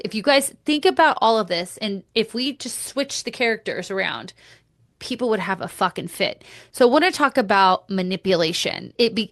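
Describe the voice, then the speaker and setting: A woman's voice: mid-range voice, a bit bright, no room sound. A woman hosting a podcast, giving blunt, opinionated commentary with casual swearing, close to the mic. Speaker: podcast host.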